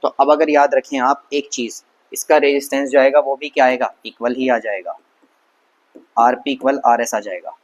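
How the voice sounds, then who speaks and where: A man of medium pitch teaches science in Hindi in an easygoing, conversational manner. Questions come and he answers them himself; English terms pepper his speech, and he reads English lines at a slow pace.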